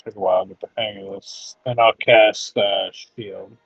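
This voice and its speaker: A man with a gravelly voice plays a tabletop game, saying his actions one step at a time. The sound is dry, dull, lo-fi online call audio. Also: lowish voice, fairly even intonation, moderate pace, fairly bright tone, no room sound. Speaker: player. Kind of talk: casual tabletop play.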